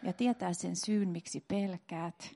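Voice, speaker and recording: A woman's voice: lowish voice, vocal fry, dark tone, no echo. A woman interpreting a sermon phrase by phrase, sometimes correcting herself partway through a word. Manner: translates phrase by phrase, with small self-corrections.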